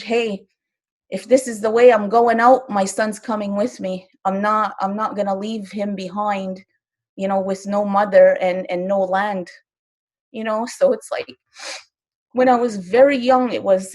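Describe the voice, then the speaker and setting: A woman's voice: medium pitch, darkish tone. Earnest grandmother from Kahnawake speaking. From Kahnawake, Quebec. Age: older. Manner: earnest, halting when moved, wry laughs. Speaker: interview guest. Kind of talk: emotional personal testimony. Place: live stream.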